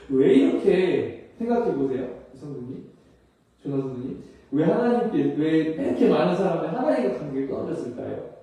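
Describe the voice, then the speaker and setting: A high-voiced, lively male pastor preaches in a chatty, animated way, putting questions to his congregation and acting out exchanges. His tone is mellow. The sound is heavily echoey, picked up from some distance in a church hall. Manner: animated, questions listeners, acts out dialogue. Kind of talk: conversational sermon.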